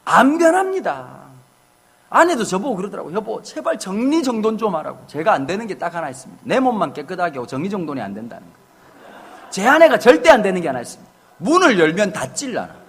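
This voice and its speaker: A middle-aged man preaching in a church, with a high voice that leaps up and down as he tells funny stories about his family. His voice is husky, and he drops into short acted quotes of his wife and kids. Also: quick pace. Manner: humorous, animated storytelling with acted family quotes. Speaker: pastor. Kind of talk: sermon. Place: church sanctuary.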